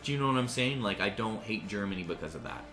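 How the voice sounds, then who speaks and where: A man's voice: lowish voice, animated, quick pace. Guy rambling and cussing over a strategy game, roomy echo, bit of music underneath. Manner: profane, rambling, restarts sentences. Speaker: gaming commentator. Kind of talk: casual rambling commentary. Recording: roomy sound with faint music.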